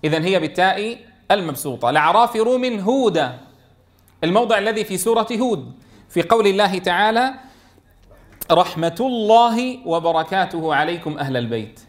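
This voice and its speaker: A man teaching a tajweed lesson, asking questions and answering them himself, and chanting verse lines slowly. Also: high voice, expressive. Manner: explains by asking and answering his own questions. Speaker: Quran teacher.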